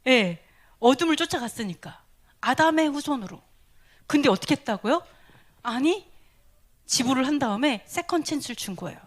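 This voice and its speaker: A woman preaching a sermon. She asks the listeners questions, laughs often and drops to a breathy whisper. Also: sits high, expressive, moderate pace, pauses often. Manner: laughs often between phrases.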